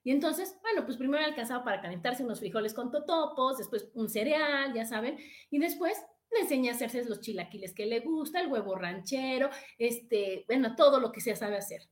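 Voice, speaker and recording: A woman's voice: fairly high pitch, lively intonation, fairly quick. A middle-aged woman with a Mexican accent, hosting a casual motivational live stream, chatting directly with her viewers and reading out their comments.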